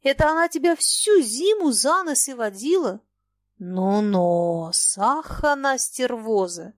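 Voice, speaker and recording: A woman's voice: a little high, expressive, slow, dry recording, voice pushed up. A woman reading aloud and voicing a cranky old merchant who mocks and shrieks in a dry close sound. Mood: scolding. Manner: wheedling, mocking, shrieking. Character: cranky shrill old merchant man, scolding.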